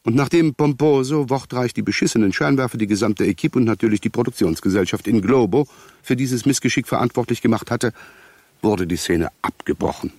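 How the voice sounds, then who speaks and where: An actor playing a wry, grumbling friend of a detective, narrating a German radio crime drama in a wordy, ironic, conversational way. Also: male voice, mid-range voice, fairly quick, darkish tone, dry recording, natural voice. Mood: wry, musing.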